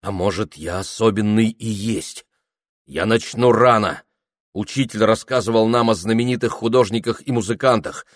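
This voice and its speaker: A man's voice: fairly low pitch, fairly even intonation, normal speed, no echo, studio quality, close to an everyday voice. A man reading an audiobook, voicing an awkward young man who boasts eagerly of his plans. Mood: boastful. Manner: eager, boastful, sometimes sulky.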